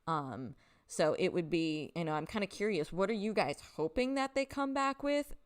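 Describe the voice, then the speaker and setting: A young woman hosting a live stream, talking casually with her viewers. Her voice sits fairly low for a woman, and her talk is loose and friendly, full of "um" and "like", with frequent laughs. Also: animated, normal speed. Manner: chatty, filler-heavy, laughs often, reads chat aloud. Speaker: livestream host.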